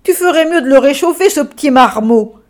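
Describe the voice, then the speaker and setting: A woman voicing a bossy old male ox who gives loud, commanding orders in a storybook tale. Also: high-pitched, lively intonation, pitched above the performer's own voice. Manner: loud, commanding, then slowing to coax.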